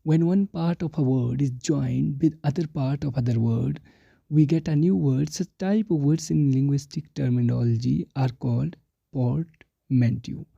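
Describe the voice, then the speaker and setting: A man's voice: mid-range voice, drawn-out words, creaky, mellow, slightly rough, dry recording, muffled recording. A man teaching an exam prep lesson, mixing English terms into his explanations and repeating the key answers.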